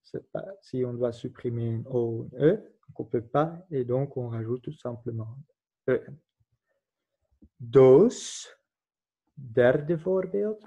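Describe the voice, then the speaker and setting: A man's voice: medium pitch, slow, pauses often, dark tone, husky. A man giving a recorded grammar lesson, patiently explaining rules and spelling out letters one at a time. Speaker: teacher. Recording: dull lo-fi recording.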